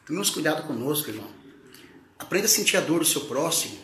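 A man's voice: fairly high pitch, animated, quick pace, roomy sound, slight background noise. A Brazilian man preaching a fervent testimony sermon, his voice rising when he retells what people said. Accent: Brazilian Portuguese. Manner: fervent, rising to shouts in retold dialogue.

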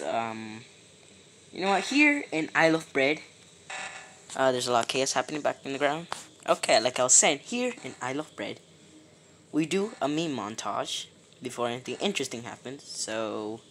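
A gaming YouTuber giving excitable, exclaiming commentary over gameplay, talking straight to viewers. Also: mid-range voice, slight background noise.

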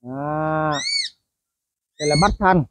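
A bird-keeping video host with a slightly high voice talks slowly and casually to viewers about songbirds over a noisy background. The recording sounds tinny, dry and phone-like, and his chatty vlog narration is full of fillers, asides and direct address to viewers.

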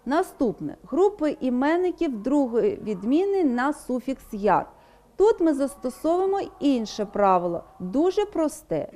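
A woman teacher giving a recorded grammar lesson, slowing down to stress example words and telling the rules like a little story. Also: high voice, big pitch swings, warm tone.

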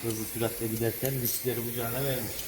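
A man's voice: medium pitch, flat delivery, quick pace. A man working as a mechanic, giving plain, matter-of-fact replies in a car repair workshop. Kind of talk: brief casual reply on the job. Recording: echoey workshop with loud machine hiss.

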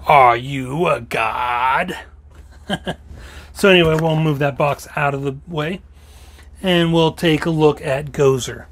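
A man with a fairly high, slightly failing voice hosts a toy review, going over each detail one step at a time in a casual show-and-tell manner.

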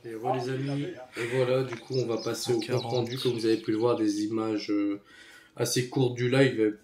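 A man casually showing off his retro game finds, relaxed and hesitant with many fillers. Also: medium pitch, normal speed. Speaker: retro game collector YouTuber. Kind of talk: casual show-and-tell commentary. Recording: echoey room, faint noise.

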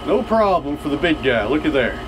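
High-voiced man on a noisy farm. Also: sing-song, moderate pace. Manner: chatty, folksy, talks to viewers. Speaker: channel host. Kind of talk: casual vlog narration while working. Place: outdoors on a farm field. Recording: outdoor camera audio with loud machinery noise.

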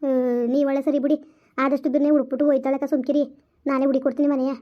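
Fast-talking woman in a village skit. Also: high-pitched, level tone. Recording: dull lo-fi sound.

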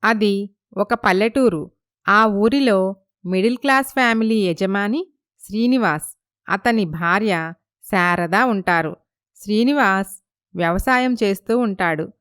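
A woman narrating a scripted family story in an even, measured way. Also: mid-range voice, clean tone, dry recording, studio quality.

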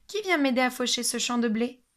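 A woman's voice: on the high side, expressive, fairly quick, pitched above the performer's own voice. A woman voicing a cheerful, hardworking little red hen who calls out to her friends in a storybook reading. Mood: cheerful calling. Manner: bright, calling out to friends.

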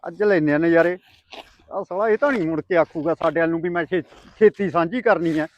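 Man acting a high-voiced, taunting farmer. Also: brisk, a little mellow, lo-fi sound, lightly acted. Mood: gleeful taunting. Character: cocky, teasing, scheming male village farmer. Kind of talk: Punjabi rural comedy skit acting.

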